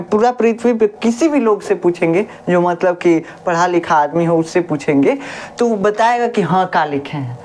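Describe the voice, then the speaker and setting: A woman's voice: medium pitch, a little mellow. A woman science teacher, explaining a lesson in a chatty, homely way. She keeps asking questions, answering them herself and repeating the key words. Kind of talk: classroom-style lesson.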